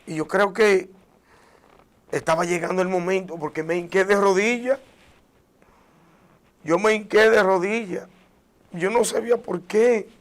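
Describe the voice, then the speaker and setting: A man with a notably high voice tells his personal faith testimony. He speaks earnestly and with emotion. He often restarts phrases and sinks into softer, quieter passages. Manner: earnest and emotional, with many restarts and soft drops in volume. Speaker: guest sharing a testimony.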